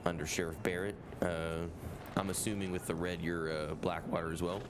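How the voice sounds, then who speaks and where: Deep, slightly hoarse roleplaying man. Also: little pitch movement, moderate pace. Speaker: roleplay player as a lawman. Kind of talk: in-character roleplay chat. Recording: game audio noise behind.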